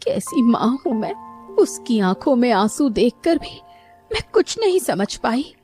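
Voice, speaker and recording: Tearful cartoon mother, middle-aged, voiced by a woman, mellow tone, emotional delivery, soft music behind. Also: fairly high pitch, very animated, unhurried. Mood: remorseful. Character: weary middle-aged mother, remorseful and loving. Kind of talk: Hindi cartoon voice acting.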